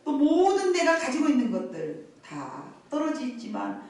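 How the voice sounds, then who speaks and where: A woman's voice: sits high, very animated, moderate pace, a little mellow. A middle-aged woman pastor preaching a live Sunday sermon in an emphatic, folksy storytelling way, drawing responses from the congregation. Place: church sanctuary during worship. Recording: very echoey church hall, distant mic, faint noise.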